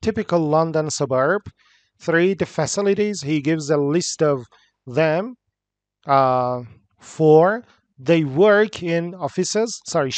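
A man's voice: a little high, no room sound. Man teaching English. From Iran. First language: Persian. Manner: switches between Persian explanation and slow English reading. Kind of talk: language lesson explaining in Persian and English.

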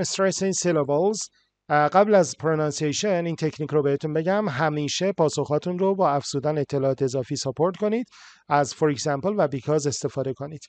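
A man's voice: on the high side, darkish tone, dry recording. Man teaching English. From Iran. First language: Persian. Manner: switches between Persian explanation and slow English reading. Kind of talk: language lesson explaining in Persian and English.

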